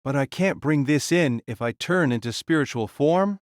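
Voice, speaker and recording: A man's voice: a little high, lively intonation, normal speed, no echo, studio quality, natural voice. A man voicing a giant, boisterous ancient king spirit in an audio drama, hearty and blunt in manner. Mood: argumentative. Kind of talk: fan audio drama acting.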